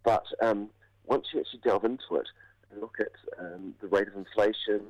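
A man, croaky from a cold, giving measured, halting analysis as a commentator in a radio interview. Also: fairly low pitch, steady tone, a little mellow, no echo. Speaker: political commentator, university academic. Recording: dull, band-limited radio audio.

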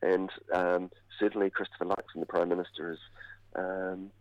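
A New man with a low voice, croaky from a cold, explains politics in a radio interview. He is measured and halting, picking through his points. The audio is dry and somewhat dull. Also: little pitch movement, no echo. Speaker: political commentator, university academic. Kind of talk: spoken analysis in a radio interview.

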